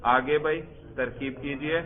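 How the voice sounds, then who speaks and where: A man leads a classroom grammar lesson at a middle pitch, asking his students one question after another. He praises correct answers and asks them to explain their reasons. His voice comes through thin and tinny, like a phone line. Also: steady tone. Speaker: teacher.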